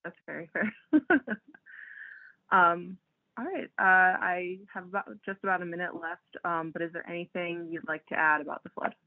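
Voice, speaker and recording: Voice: mid-range voice, normal speed. An interviewer asks questions over a tinny, phone-like connection. The voice sits in a middle range, and the delivery is tentative, with each question eased in by an "um". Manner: hesitant, starts questions with "um".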